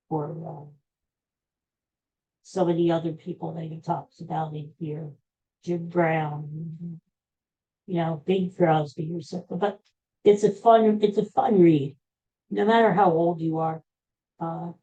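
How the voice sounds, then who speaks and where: Over a dull lo-fi recording, a middle-aged American podcast host rambles through a casual solo chat, folksy and conversational, sometimes letting sentences trail off. Her voice sits lowish and has a dark tone.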